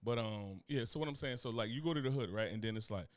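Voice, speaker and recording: Speaking fast in a mid-range voice, a podcast co-host from Newark, New Jersey keeps things laid-back, profane and rambling, laughing throughout the casual conversation. There's no echo on the recording.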